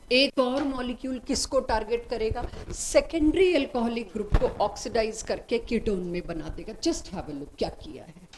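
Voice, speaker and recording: A woman's voice: fairly high pitch, darkish tone, slight background noise, poor audio. A woman teaching chemistry in a recorded lecture who asks her class questions and answers them herself, switching into English phrases.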